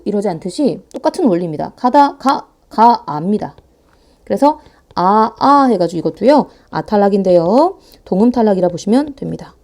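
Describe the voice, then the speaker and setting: A woman teacher runs through grammar exercises in a quick, playful lecture. Her voice sits a little high and swings widely in pitch. The tone stays warm and mellow throughout. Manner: playful, animated, acts out student voices and mock outbursts; talks fast to save time.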